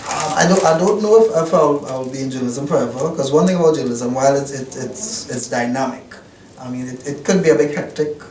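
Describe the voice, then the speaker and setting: Speaking fast in a mid-range, darkish voice, this young man from Trinidad and Tobago is a newspaper reporter offering reflective answers in an interview. He's hesitant, restarting often and leaning on "you know." Captured in a newspaper office on a distant mic, the audio is roomy with faint noise.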